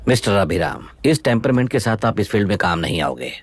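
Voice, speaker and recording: A man's voice: lowish voice, sing-song, fast, noisy background. An actor dubbing a stern, authoritative senior male cabinet secretary in a Hindi film. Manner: lecturing, authoritative.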